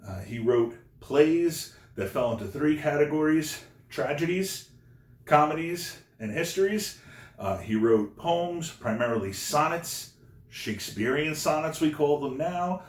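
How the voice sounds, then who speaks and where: A man's voice: a little high, reverberant. A man teaching an English lesson from his home, chanting syllables emphatically for his class to repeat. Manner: earnest and gentle when addressing students at the close. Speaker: high school English teacher. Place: room at home.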